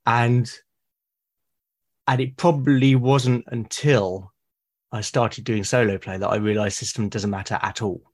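This guest is an artist and podcaster from the UK, chatting casually in an interview. He speaks a little slowly at a medium pitch with fairly even intonation, and he often stumbles over the first words of a sentence, repeating them hesitantly.

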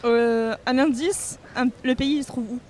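High-voiced woman, passerby on the street. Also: fairly even intonation, moderate pace, darkish tone, a little hiss or hum. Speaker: passerby invited on the podcast. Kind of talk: casual chat, guessing game. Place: outdoors on a street.

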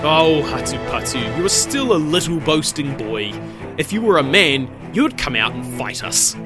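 A man's voice: a little high, sing-song, normal speed, over music. A man voicing the mocking, taunting older brothers of a young hero in a storybook retelling. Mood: jeering. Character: jeering older brothers, scornful young men.

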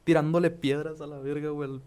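A man's voice: fairly high pitch, little pitch movement, fast, darkish tone. Profane, slangy northern Mexican man. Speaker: podcast co-host. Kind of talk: casual chat about video games.

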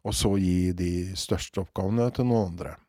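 A man, a theatre director reflecting on his work in an interview, animated and full of hesitations. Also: low-pitched, dry recording, studio quality. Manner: animated, hesitant with many fillers.

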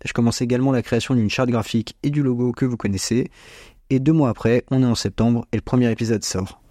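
A man's voice: medium pitch, steady tone, quick pace, warm tone, no echo, studio quality. A young man of about twenty hosting a podcast, delivering a scripted but chatty monologue with informal slang, recorded on a small microphone in a bedroom. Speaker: podcast host. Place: small bedroom at parents' home, dry sound. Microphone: small home microphone.

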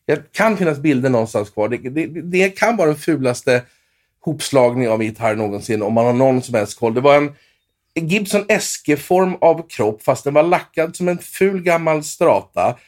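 Animated Swedish man telling stories. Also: on the high side. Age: 50s. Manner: animated storyteller with many restarts and fillers. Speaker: guitarist guest. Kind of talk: storytelling interview.

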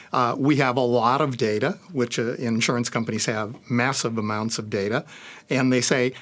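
A man's voice: mid-range voice, a bit bright. A man speaking as a panelist in a discussion, hesitant, with many fillers and restarts. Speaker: panelist on insurance analytics.

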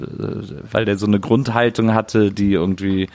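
A man's voice: fairly low pitch, little pitch movement, moderate pace, darkish tone, no room sound. A man co-hosting a podcast, casually joking and spinning absurd ideas. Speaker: podcast co-host. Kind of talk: casual comedic banter.

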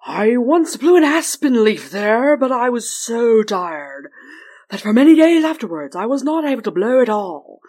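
A woman voicing the North Wind, a wild, mighty old male spirit who booms his lines loudly in a fairy-tale reading. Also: very animated, a little slow. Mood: weighty. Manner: booming, loud calls.

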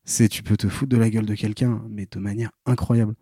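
A man's voice: fairly low pitch, level tone, brisk, mellow, slightly rough, no room sound, clean studio sound. A man in his twenties, a podcast guest, telling stories casually with lots of hesitations and restarts. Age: 20s. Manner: hesitant, full of fillers and restarts. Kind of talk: casual interview storytelling.

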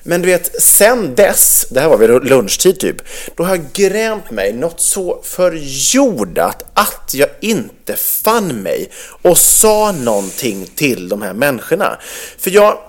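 A man's voice: fairly high pitch, very animated. A middle-aged man co-hosting a podcast, telling a story in casual chat with heated, swearing outrage. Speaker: podcast co-host.

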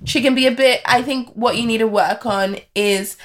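A woman's voice: a little high, moderate pace. A young woman hosting a casual chat, teasing her friends and steering the talk with questions. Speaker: podcast host.

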